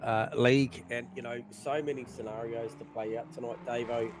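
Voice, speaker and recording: A man co-commentating a sim racing event in a relaxed, chatty way full of fillers. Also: mid-range voice, normal speed, crowd noise. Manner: relaxed, lots of fillers and mate. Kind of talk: casual commentary chat.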